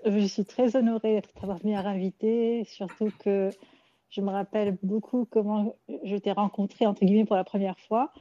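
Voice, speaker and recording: A woman's voice: mid-range voice, flat delivery, moderate pace, dark tone, dull audio. A woman who is a guest on a podcast, chatting in a friendly, talkative way. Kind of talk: casual podcast chat.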